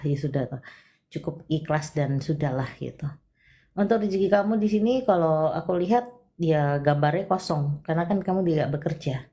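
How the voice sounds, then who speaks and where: A woman hosting a live palm-reading consultation, chatty and expressive, with frequent exclamations. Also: low voice. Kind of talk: casual live-stream reading.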